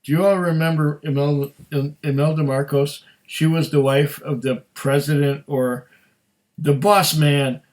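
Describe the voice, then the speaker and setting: A man's voice: a little high, steady tone, unhurried, darkish tone. A middle-aged man who hosts a whisky tasting, talking in a rambling, chatty way with frequent restarts. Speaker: whisky reviewer. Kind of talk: casual tasting chat.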